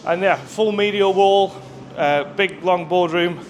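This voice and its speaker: There's slight background noise as a man with a high voice speaks a little slowly. He gives a chatty, enthusiastic, um-filled tour of his shooting ground to a companion filming on camera, a bit out of breath on the uphill stretch, outdoors and then inside a clubhouse.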